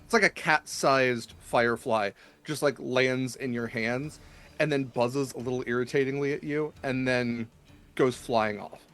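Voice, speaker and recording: A man running a tabletop game as game master, improvising narration in a halting, conversational way. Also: mid-range voice, steady tone, fairly bright tone.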